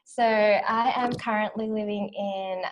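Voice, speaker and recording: Over a video call webcam in a small room, an Australian woman in her twenties leads a breathing exercise and then welcomes attendees to the online conference she is hosting. She counts calmly and softly and greets people warmly, speaking slowly in a mid-range voice. The audio is poor, with a little hiss or hum.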